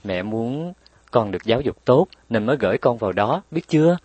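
A man voicing a tender but firm mother who explains patiently and scolds gently, in a raised voice. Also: medium pitch, animated, brisk, slightly rough, no room sound.

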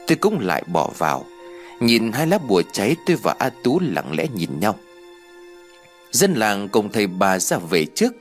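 A man narrating a ghost story in a dramatic, expressive way. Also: fairly low pitch, moderate pace. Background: faint music.

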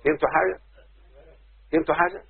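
Gravelly Egyptian teacher on tinny audio. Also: male voice, fairly high pitch, fairly even intonation, rapid-fire, dry recording. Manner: keeps asking the class if they understood. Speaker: Arabic grammar teacher. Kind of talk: classroom grammar lesson. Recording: dry, tinny phone-like audio.

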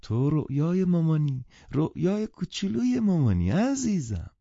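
A man's voice: on the high side, sing-song, creaky, warm tone, no room sound, pitched above the performer's own voice, heavily acted. A flighty, gushing young mother, put on by a male narrator, coos and draws out her words in a raised voice. The recording is dry and slightly dull. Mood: cooing. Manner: cooing, drawn-out. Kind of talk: audiobook character voice.

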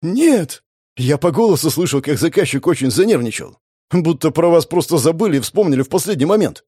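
A man's voice: fairly high pitch, animated, a little fast, warm tone, slightly rough, no echo, studio quality, pitched above the performer's own voice. A man reading an audiobook, voicing a terrified beaten male thug who stammers and pleads in a panic. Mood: panicked pleading. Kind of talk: audiobook character voice.

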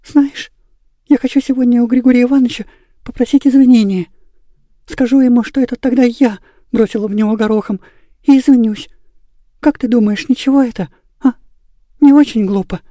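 A woman's voice: steady tone, fairly quick, pauses often, warm tone, dry recording, natural voice. A woman doing a sobbing remorseful schoolgirl. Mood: secretive. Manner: sobbing, high and pleading. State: crying.

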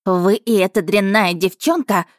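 A woman's voice: medium pitch, unhurried, no echo, clean studio sound, close to an everyday voice. A woman voicing an indignant, haughty she-wolf noblewoman who growls her threats.

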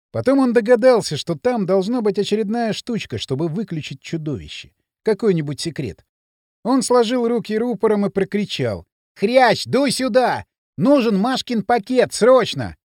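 A man narrating an audiobook with an expressive, dramatic reading. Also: high-pitched, moderate pace, no room sound, studio quality. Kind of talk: scripted narration.

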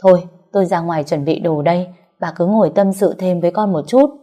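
A woman's voice: on the low side, fairly quick, mellow, faint music behind, close to an everyday voice. A woman voicing a worried middle-aged father who talks firmly and reassuringly to his wife. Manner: firm, reassuring. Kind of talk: audiobook character reading.

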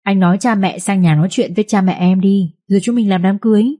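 A woman's voice: mid-range voice, fairly even intonation, fast talker, warm tone, lightly acted. Woman voicing a jilted, pleading young village girl. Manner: pleading, tearful.

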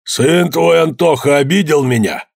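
A man voicing a rich, stingy male peasant who answers curtly and shouts in fury, in a raised, husky voice. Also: a little high, measured pace, dry recording, studio quality, pitched above the performer's own voice, exaggerated voice. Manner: curt, shouting.

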